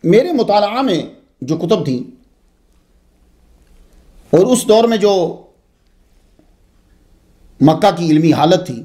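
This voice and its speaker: This man has a high voice and talks slowly, leaving long pauses. His religious history lecture is told with flair, full of side remarks and tangents.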